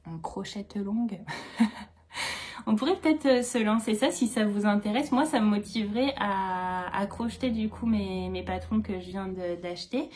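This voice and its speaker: A woman in her thirties talks in a relaxed, rambling way, full of small hesitations. Her voice is mellow and soft-edged, at a middle pitch for a woman. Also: normal speed. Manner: chatty, rambling, many hesitations. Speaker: knitting vlogger. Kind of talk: casual chat.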